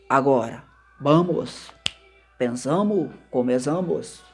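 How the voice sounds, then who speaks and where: Slow man teaching words. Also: medium pitch, creaky, a little mellow, husky. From Argentina. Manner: slow, repetitive, mixes Spanish into Portuguese. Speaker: language teacher. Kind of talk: casual vocabulary lesson to camera.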